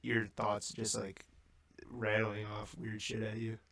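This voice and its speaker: A man's voice: fairly low pitch, monotone, slow pace, noisy background. A young man in his late teens on a podcast, talking in a loose, rambling way full of fillers. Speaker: podcast co-host. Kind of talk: casual chat.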